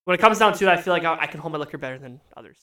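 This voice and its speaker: A man's voice: a little high, expressive, rapid-fire, pushed and bright. A drunk young man rambling in a casual podcast chat, saying "like" constantly. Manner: rambling, heavy use of "like". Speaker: podcast co-host.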